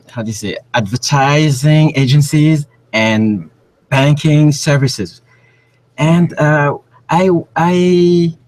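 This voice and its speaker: Over poor audio, a man with a medium-pitched, darkish voice speaks on a remote call. He is a guest researcher from Cameroon being interviewed, and he often pauses to search for words.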